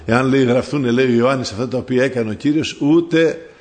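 A man preaching a sermon, addressing his listeners as brothers, fervent and rising to loud cries when he quotes. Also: mid-range voice.

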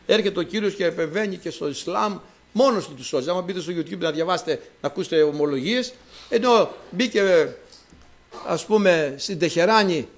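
An older man preaching a sermon, emphatic and repetitive, often calling his listeners brothers. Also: high voice.

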